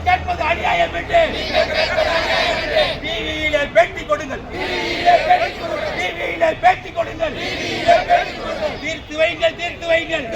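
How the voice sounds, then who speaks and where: A man leading a protest through a megaphone, shouting each slogan twice in a slow, chanting cadence. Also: very high voice, gravelly. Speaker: protest leader for transport workers. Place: outdoor street protest. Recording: muffled, echoey megaphone voice from far off, loud crowd and traffic.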